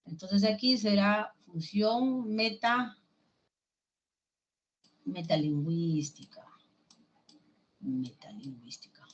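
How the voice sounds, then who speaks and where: Peruvian woman teacher, unhurried delivery, asks the class questions; muffled lo-fi classroom recording. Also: medium pitch, lively intonation. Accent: Peruvian Spanish. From Peru. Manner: slow, explains step by step with questions to the class. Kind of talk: language class lecture.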